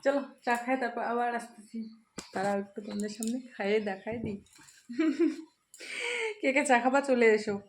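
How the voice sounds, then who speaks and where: A woman's voice: fairly high pitch, moderate pace, pauses often. A young woman vlogging casually on her phone at home, chatting to viewers as she does housework. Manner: chatty, talks directly to viewers while doing housework. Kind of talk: casual daily-life vlog. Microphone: mobile phone.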